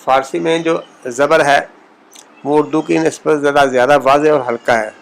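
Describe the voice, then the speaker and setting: A man giving a pronunciation lesson, speaking slowly and repeating example words to model the sounds. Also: on the high side, steady tone, creaky, low-quality recording. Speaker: language teacher.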